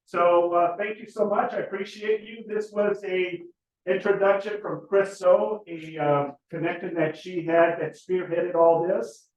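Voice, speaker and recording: A man's voice: high voice, fairly even intonation, a little slow. A man emceeing a team meeting in an upbeat, joking manner. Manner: upbeat and jokey. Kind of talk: casual meeting hosting. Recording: roomy, distant, dull sound.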